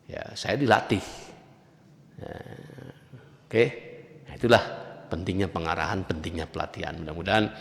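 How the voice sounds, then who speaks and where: A man's voice: low voice, normal speed, creaky, long pauses. A man giving a religious lecture in a conversational way, often adding "ya" and telling anecdotes. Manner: conversational, frequent tag "ya", anecdotes with acted quotes. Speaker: preacher. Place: mosque or study hall. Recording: long hall reverb.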